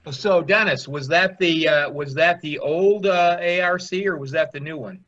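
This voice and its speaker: A man's voice: a little high, moderate pace, fairly bright tone. A man chatting in a friendly way with fellow coaches on a video call. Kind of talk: casual chat. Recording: dull lo-fi video call audio.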